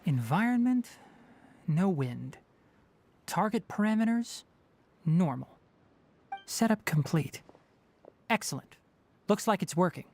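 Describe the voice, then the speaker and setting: Composed, scholarly young researcher, lively intonation. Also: male voice, high-pitched, exaggerated voice. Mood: analytical, calm. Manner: precise, measured, explanatory. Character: composed young scholarly researcher, analytical, matter-of-fact, slightly aloof. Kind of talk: video game voice acting.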